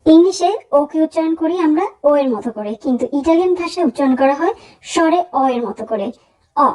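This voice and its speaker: High-voiced woman teaching the alphabet. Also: animated, darkish tone, rough recording. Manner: slow, careful pronunciation drills. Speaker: language teacher. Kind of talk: spoken alphabet lesson.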